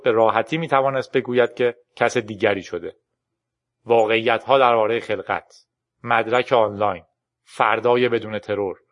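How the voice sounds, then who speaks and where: A man narrating an audiobook in a calm, steady manner. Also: medium pitch.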